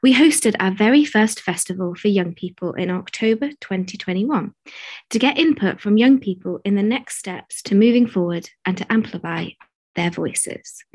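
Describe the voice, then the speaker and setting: A woman's voice: mid-range voice, lively intonation, normal speed, darkish tone, breathy edge. A woman giving a scripted introduction to a podcast episode as a research presenter.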